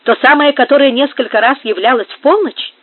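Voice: high voice, a little fast, no echo, voice pushed up. A reader voicing a brooding male prince who speaks gloomily and hesitantly in an audiobook. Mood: gloomy. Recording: tinny phone-like sound.

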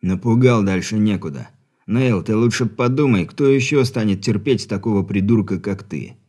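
A man's voice: on the low side, normal speed, warm tone, breathy edge. A man reading an audiobook, voicing a sarcastic, weary male mercenary with a dry, scoffing manner.

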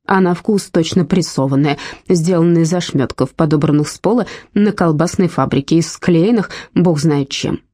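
A woman voicing a blunt, sharp-tongued woman of eighty-six in a read-aloud story, with a husky, dark voice. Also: sits low, moderate pace, no room sound, clean studio sound. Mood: cutting. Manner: blunt, cutting. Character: rude sharp-tongued 86-year-old woman.

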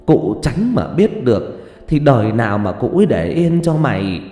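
A man's voice: medium pitch, very animated, moderate pace, dark tone, echoey room, long reverb tail, soft background music, natural voice. A man voicing a poor, grieving old village mother who pleads with her son through tears. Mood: fearful. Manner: tearful, pleading lament.

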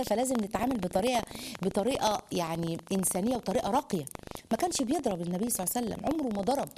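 An Egyptian woman gives an Islamic religious lesson on marriage, speaking rapidly in an Egyptian Arabic accent. She is animated, acting out quotes as dialogue, and her voice sits a little high over a noisy background.

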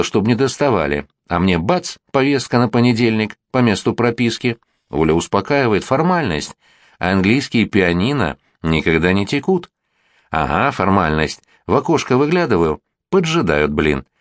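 A man's voice: fairly low pitch, very animated, moderate pace, no echo, clean studio sound. A man reading the lines of a chattering, plaintive woman artist in an audiobook, rambling and repeating herself.

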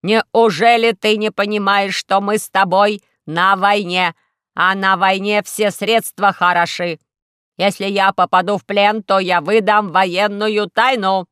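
Woman doing a loud, solemn male robot. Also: mid-range voice, fairly even intonation, clean tone, no room sound, clean studio sound, close to an everyday voice. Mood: agitated. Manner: loud, slow, solemn declaiming. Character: dramatic male robot who longs to suffer.

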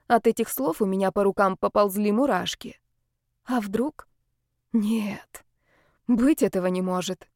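A woman narrating a first-person audiobook in an expressive, dramatic way. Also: medium pitch, brisk, few pauses, dry recording, clean studio sound.

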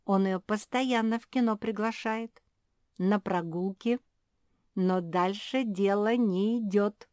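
A woman's voice: mid-range voice, takes it slowly, darkish tone, smooth, no room sound, studio quality, lightly acted. A woman reading aloud and voicing a worried, chattering pug sister. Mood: fretful.

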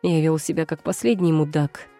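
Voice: mid-range voice, fairly even intonation, normal speed, warm tone, faint music behind. An audiobook narrator reading a first-person romance in a tense, brooding, dramatic way.

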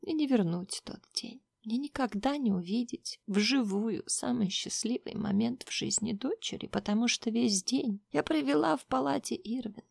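A woman voicing a grieving older mother in an audiobook, speaking slowly in hushed, often whispered pleas. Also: on the high side, vocal fry, husky, dry recording, studio quality. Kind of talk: audiobook reading.

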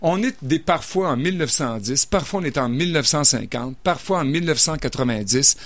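A man's voice: fairly high pitch, expressive, a little fast, fairly bright tone, dry recording. A man reviewing novels in casual radio chat, hesitant, with many fillers and restarts. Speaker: book reviewer.

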